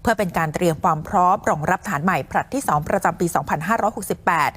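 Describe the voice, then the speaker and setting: ผู้หญิงรายงานข่าวตามบทด้วยน้ำเสียงผู้ประกาศที่สุภาพและเป็นทางการ. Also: female voice, on the low side, rapid-fire. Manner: formal, polite announcer delivery. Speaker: news presenter. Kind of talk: scripted news narration.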